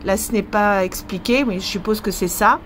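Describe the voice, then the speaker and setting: A woman's voice: medium pitch, moderate pace, fairly bright tone, a little hiss or hum. A woman with a French accent, a language teacher thinking aloud in a casual vlog, hesitant and full of fillers.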